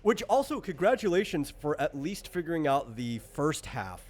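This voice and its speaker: This man's voice sits on the high side and has a sing-song lilt at a moderate pace. As game designer, he hosts an informal tabletop character creation chat, rambling and revising his own explanations as he goes. It was captured on a computer from an online voice call, with background noise clearly present on the chat.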